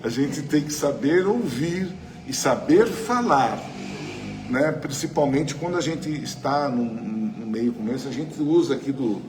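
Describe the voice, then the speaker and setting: In a roomy hall with faint noise, a man with a Brazilian Portuguese accent talks into a microphone while leading a spiritual study group. His mid-range voice has lively intonation and a measured pace. He chats casually, regularly asks the audience questions, and often tacks on tag questions.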